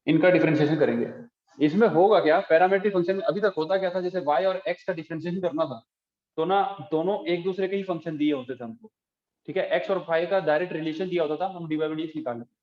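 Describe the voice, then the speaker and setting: A man's voice: on the high side, fast talker. A man teaching calculus to a class, explaining step by step and often asking if students follow. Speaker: math teacher. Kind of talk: classroom lecture. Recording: echoey room, dull lo-fi sound.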